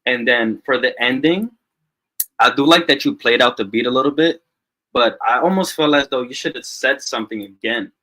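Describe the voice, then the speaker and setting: A man's voice: mid-range voice, normal speed, bright, forceful tone, rough recording. A man giving loose, chatty feedback on a song during an online review stream. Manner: loose and chatty, leans on "you know what I'm saying". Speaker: music reviewer. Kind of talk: casual review chat on a live stream. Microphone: online call.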